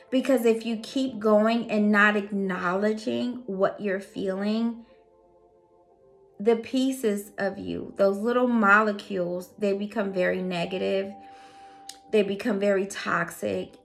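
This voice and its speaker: A woman's voice: mid-range voice, a bit bright. A woman who does readings, talking earnestly and casually to her audience, repeating phrases for emphasis. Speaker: psychic reader and host. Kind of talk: casual motivational talk.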